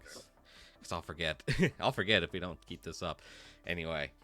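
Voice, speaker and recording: Bright-voiced casual game master. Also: male voice, sits low, expressive, soft background music. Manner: casual, halting, with many fillers. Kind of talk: running a tabletop game.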